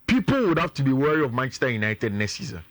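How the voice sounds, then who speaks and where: A man with a Ghanaian accent, a sports pundit giving energetic, analytical talk on a radio show and mixing in local phrases. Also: mid-range voice, quick pace, dry recording.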